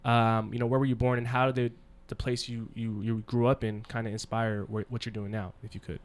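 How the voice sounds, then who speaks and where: A man's voice: medium pitch, flat delivery, brisk. A man hosting a casual podcast, introducing his guest with hype and plenty of filler words. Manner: hyped, friendly, filler-heavy slang. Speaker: podcast host.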